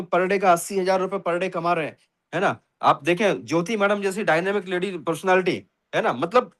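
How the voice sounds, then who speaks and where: Man, high voice, motivational talk, emphatic, repeats catchphrases, video call. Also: fairly bright tone. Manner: emphatic, repeats catchphrases, addresses audience as friends. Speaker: motivational speaker in an online finance meeting.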